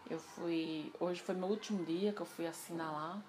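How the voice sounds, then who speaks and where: A woman telling a personal story in a casual interview, animated and acting out the dialogue she quotes. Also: lowish voice, normal speed, a little hiss or hum.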